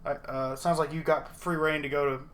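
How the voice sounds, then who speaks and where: A man playing a brisk fixer boss. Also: a little high, level tone, a bit bright, slight background noise, close to an everyday voice.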